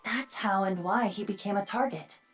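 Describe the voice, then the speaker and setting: A woman voicing a sharp-tongued, analytical investigator in a game, matter-of-fact and dry. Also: mid-range voice, normal speed, faint music behind, lightly acted. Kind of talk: scripted game acting.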